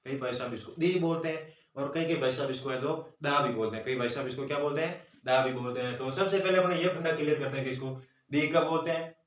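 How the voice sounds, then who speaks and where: Echoey far-off Hindi-accented teacher. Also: male voice, mid-range voice, fast. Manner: repeats questions and answers them himself. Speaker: grammar teacher. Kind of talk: classroom lesson. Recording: roomy echo, voice from far off.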